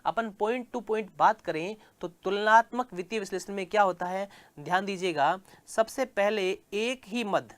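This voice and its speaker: A man teaching commerce lectures in a high, fairly bright voice. He slowly repeats the key terms and asks his class questions before supplying the answers himself.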